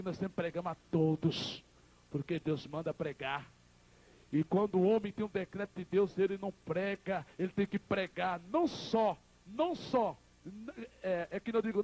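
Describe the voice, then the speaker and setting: Pastor guy preaching his testimony, high voice, fired up and yelling at times. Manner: impassioned, crying out, quick storytelling. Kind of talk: emotional testimony sermon.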